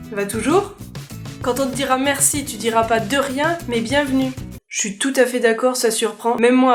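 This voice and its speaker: A woman from France with a French accent, chatting playfully to the viewer in a comic explainer vlog. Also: fairly high pitch. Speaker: vlogger.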